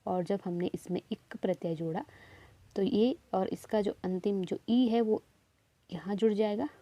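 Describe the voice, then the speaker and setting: A woman's voice: medium pitch, a little slow, mellow, dry recording. A woman teaching a Hindi exam-prep lesson, explaining step by step and often checking that students follow.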